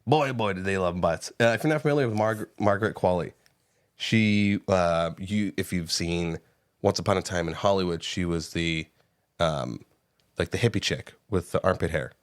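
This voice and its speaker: A man with a low voice talks movies on a podcast, animated and loose, swearing freely and laughing as he goes. He sits close to the mic in a dry, dead-sounding space. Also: moderate pace, dry recording. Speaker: podcast co-host. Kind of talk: casual movie review chat. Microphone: close studio mic.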